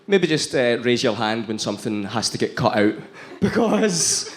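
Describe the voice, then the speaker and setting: A man's voice: medium pitch, fairly quick. A man with a broad Scottish accent, joking in a self-deprecating way in live stage banter, recorded in a noisy venue. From Scotland. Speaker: comedy rapper and guest.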